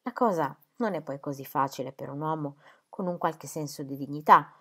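A woman reading the part of an indignant, proud country gentleman in an audiobook. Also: low-pitched, normal speed. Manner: indignant, emphatic.

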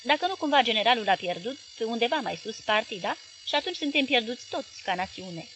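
A woman reading the lines of a powerful middle-aged male newspaper magnate, voicing him with gruff, explosive outbursts in an audiobook. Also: lively intonation, slight background noise. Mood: gruff, confiding. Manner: booming, explosive shouts.

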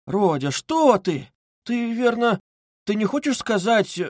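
A man's voice: sits high, expressive, normal speed, no room sound, clean studio sound, pitched above the performer's own voice. A man putting on a frantic, pleading mother. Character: anxious middle-aged mother, pleading, tearful. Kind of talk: audiobook character reading.

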